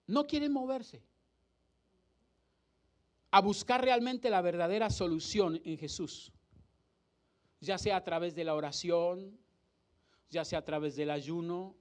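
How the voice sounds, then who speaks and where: Slow and pausing often, a male pastor with a high voice delivers a sermon in a church hall. He plays out scenes dramatically, from the crowd to the blind man's cries, and asks rhetorical questions along the way.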